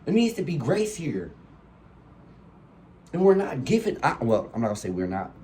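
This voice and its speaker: Speaking at a normal speed, a man with a medium-pitched, slightly mellow voice swings widely in pitch. He's a young podcast host with a cold who sniffles as he preaches heatedly and profanely into a phone mic, alone in a room with colored lights.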